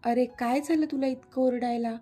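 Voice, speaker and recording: A woman voicing a calm, caring middle-aged mother who explains things soothingly. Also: a little high, normal speed, soft background music, lightly acted.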